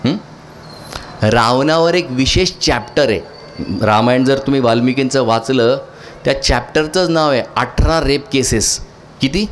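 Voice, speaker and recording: A man's voice: mid-range voice, a bit bright, slight background noise. A man speaking to a live audience, often asking a question and answering it himself. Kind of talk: lecture to an audience.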